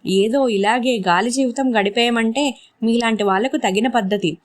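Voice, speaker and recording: Woman narrator doing a teasing village woman, mocking, sharp-tongued, laughing scorn, fairly high voice, audio story. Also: normal speed, lightly acted.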